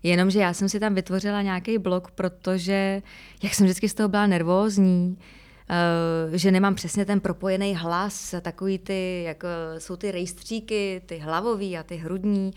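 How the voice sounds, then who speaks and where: Herečka vypráví v rozhovoru pro podcast, upovídaně, s častým váháním a smíchem, nahráváno v pražském klubu. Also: female voice, medium pitch, steady tone, darkish tone, clear, resonant tone. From Czech Republic. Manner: chatty, hesitant fillers, laughs often. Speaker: actress, podcast guest. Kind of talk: casual interview chat. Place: Prague music club.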